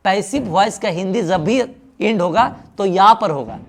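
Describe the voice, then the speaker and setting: A man from India with a Bihari Hindi accent and a high voice teaches an English grammar lesson at normal speed, classroom style. He asks the class questions, then answers them himself.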